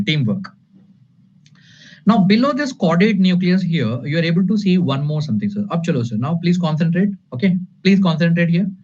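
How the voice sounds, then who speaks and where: A man's voice: fairly high pitch, a little mellow. A man with an Indian accent lecturing to an online class, emphatic and repetitive, switching between English and Hindi. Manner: emphatic and repetitive, addressing students as sir and guys. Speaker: anatomy lecturer. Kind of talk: live online exam-prep lecture. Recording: dull lo-fi audio with light noise.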